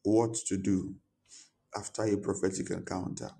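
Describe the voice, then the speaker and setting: A man, speaking as a pastor in prayer and preaching, deliberate and given to fervent repetition. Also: deep voice, level tone, vocal fry, dark tone. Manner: fervent, repetitive praying and declaring. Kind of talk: prayer and sermon.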